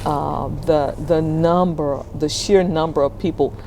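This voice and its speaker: A woman hosting a table talk, affirming her guest and asking questions with halting restarts. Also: low-pitched, fairly even intonation, warm tone, a little hiss or hum. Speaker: host. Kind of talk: interview at a table.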